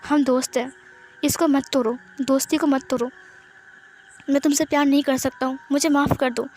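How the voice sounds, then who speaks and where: A woman's voice: high-pitched, level tone, moderate pace, darkish tone, faint music behind, close to an everyday voice. A woman voicing a puzzled young man who bluntly turns down a friend, in a read-aloud fan story. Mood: firm.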